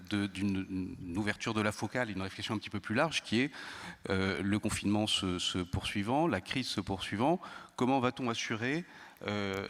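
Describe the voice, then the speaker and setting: A man speaking on a conference round-table panel, measured and hesitant, with frequent pauses and restarts. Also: lowish voice, fairly bright tone. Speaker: intelligence service panelist. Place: conference hall. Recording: long hall reverb.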